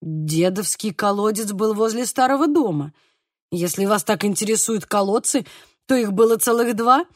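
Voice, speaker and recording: A woman reading the part of a calm, practical middle-aged village man in an audiobook, explaining things plainly and patiently. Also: mid-range voice, moderate pace, no room sound, studio quality, lightly acted.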